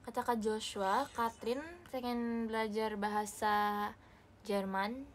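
A woman's voice: on the high side, takes it slowly, a little hiss or hum. Chatty young Indonesian woman streaming. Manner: chatty, excitable, mixes English phrases. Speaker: idol livestream host. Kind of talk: casual livestream chat with viewers.

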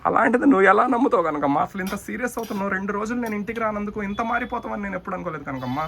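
A man's voice: sits high, expressive, very fast, vocal fry, a bit bright. A man doing comic banter in a playful, teasing, mock-indignant way, with faint background noise. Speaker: comic vlogger.

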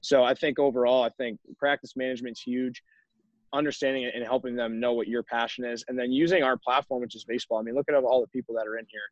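A fast-talking young man with a medium-pitched, flat delivery and no room sound coaches college baseball. He speaks emphatically to other coaches on a video call, regularly tagging points with "right?". The audio is the dull, dry sound of a video call.

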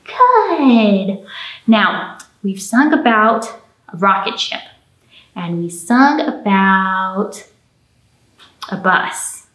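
A woman in her thirties hosts a children's library storytime, talking to small kids in a simple, playful and encouraging way. Her mid-range voice is very animated and a bit bright, with drawn-out words and long pauses. The medium-large indoor room with a painted mural gives the recording a roomy echo.

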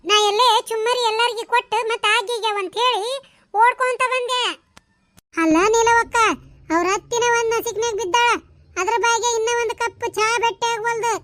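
A woman voicing bickering, gossipy village women in a cartoon, with a North Karnataka Kannada accent and quick, scolding banter. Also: very high-pitched, steady tone, a bit bright, no room sound. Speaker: voice of a cartoon series.

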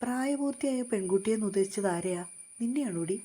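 A woman's voice: on the high side, animated, fairly quick, warm tone, husky. A woman voicing a stern, short-tempered young husband who scolds and gives orders in a storybook reading. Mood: scolding. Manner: scolding, commanding.

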